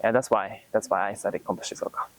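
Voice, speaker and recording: A man's voice: on the low side, steady tone, fast talker, creaky, rough recording. A man in his twenties with a Japanese accent, a university student answering interview questions in English, his second language, with frequent "like" and "um". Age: 20s. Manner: hesitant, many fillers like "like" and "um".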